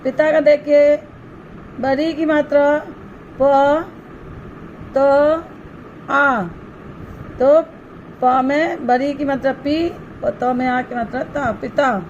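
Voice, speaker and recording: A woman teacher going slowly through a primary school Hindi textbook exercise. She spells words out syllable by syllable and asks questions that she answers herself. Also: high voice, steady tone, highs cut off, slight background noise. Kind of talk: slow classroom walkthrough of a textbook exercise.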